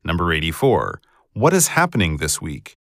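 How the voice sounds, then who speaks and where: Low-voiced man narrating exam questions, very animated intonation. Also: normal speed, dry recording, studio quality. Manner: formal, clearly enunciated. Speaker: test narrator.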